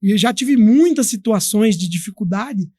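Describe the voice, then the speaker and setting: A man from Brazil, a guest in an interview, telling a story in a lively, chatty way with many fillers. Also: sits high, normal speed, no echo. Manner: animated, acts out quoted voices, many fillers. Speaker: guest, company founder.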